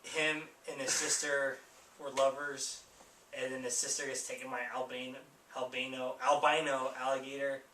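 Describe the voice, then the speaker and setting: Tipsy guy rambling through a movie review, bright voice, roomy and off mic. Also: medium pitch, little pitch movement, moderate pace, recorded from a distance. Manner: tipsy, rambling and losing track. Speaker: host of a film review. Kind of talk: casual chat, loose film review. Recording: roomy echo, off-mic, faint noise.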